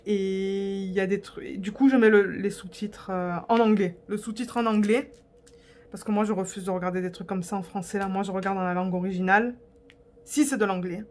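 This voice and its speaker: A young woman vlogging in a casual, rambling way, chatting to her viewers with lots of fillers and restarts. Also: mid-range voice. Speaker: diamond painting vlogger. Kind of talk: casual chat to camera.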